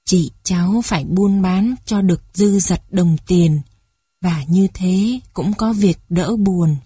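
A woman's voice: on the low side, slow, mellow, husky, no room sound, studio quality, heavily acted. A woman voicing a polite young male schoolteacher who speaks formally and deferentially to an elder. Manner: deferential, courteous.

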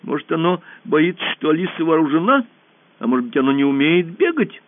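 A man voicing a brave, earnest young girl who calls out in a high, eager, insistent voice, heard over a narrow phone-like band. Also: big pitch swings, a little fast, no echo. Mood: thoughtful.

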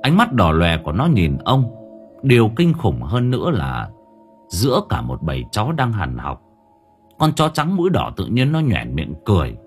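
A man's voice: lowish voice, wildly swooping pitch, moderate pace, faint music behind. A man narrating a ghost story in a dramatic storytelling manner. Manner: dramatic, swings in tone. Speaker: audiobook narrator.

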